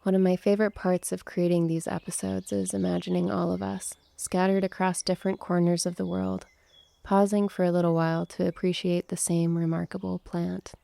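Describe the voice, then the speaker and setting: Woman host for a bedtime meditation: soft, soothing delivery slipping into whispers, mellow tone with a touch of fry. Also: on the low side, little pitch movement, a little fast, no room sound. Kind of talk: sleep meditation narration.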